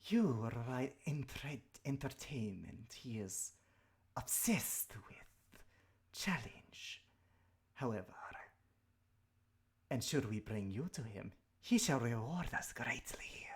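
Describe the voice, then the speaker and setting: A man voicing a haughty, menacing snake-headed humanoid in a whispery, breathy snake voice, with slow, formal speech for a tabletop game. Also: mid-range voice, very animated, exaggerated voice. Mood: haughty, threatening.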